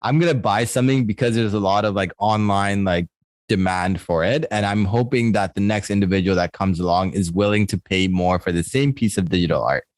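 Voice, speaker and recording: A relaxed male co-host asks his questions in a fairly low voice. His sound is dry and close to the mic, with no echo at all. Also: fairly quick. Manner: questioning, relaxed, laughs along. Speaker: podcast co-host. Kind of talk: casual interview chat.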